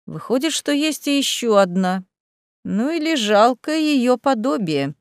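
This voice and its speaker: A woman's voice: fairly high pitch, big pitch swings, unhurried, no room sound. Woman reading a sly chocolatier man, needling, storybook, dry close read. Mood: accusing.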